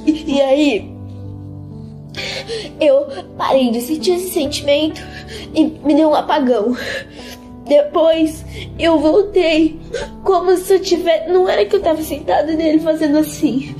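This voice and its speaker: A teenage girl giving an emotional testimony in an interview, speaking earnestly and haltingly and repeating words over and over. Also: high-pitched, dark tone, soft background music.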